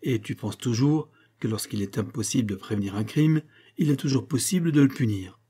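A man's voice: medium pitch, expressive, fairly quick, warm tone, slightly rough. A man reading an audiobook, voicing a proud medieval king who speaks in imperious, stern pronouncements. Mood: probing.

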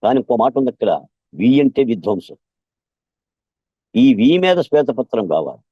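A man speaking as a political guest in an impassioned interview, emphatic and repetitive, often growing loud and intense. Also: mid-range voice, big pitch swings, normal speed, slightly rough, dry recording, lo-fi sound. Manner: emphatic, repeats lines, gets louder and more intense.

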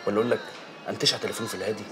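An actor playing a brash, quick-tempered young Egyptian man who banters roughly with a friend, in an Egyptian Arabic accent. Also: lowish voice, fairly even intonation, crowd noise, background noise, close to an everyday voice. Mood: bantering. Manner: teasing, rough street banter. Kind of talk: film drama dialogue. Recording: music under film dialogue.

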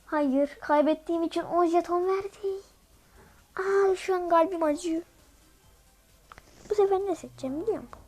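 Excitable high-voiced woman yelping over gameplay. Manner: excitable, yelps and pleads at the game, repeats words in bursts; chatty asides to viewers. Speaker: mobile game streamer. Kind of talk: live gameplay commentary.

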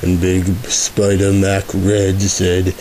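Hammy, slow, low-voiced male story reader. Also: completely flat delivery, a little mellow. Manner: hammy, stagey, slow delivery, reading punctuation aloud with mock gravity. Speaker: reader of a comic fan story. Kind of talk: dramatic reading of a written story. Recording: faint background hiss.

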